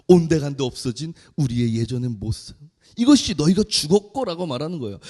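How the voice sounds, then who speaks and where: Man, 30s, sermon, high voice, very lively pitch, long church reverb. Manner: animated storyteller, acts out quoted voices. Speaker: junior pastor. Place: church sanctuary.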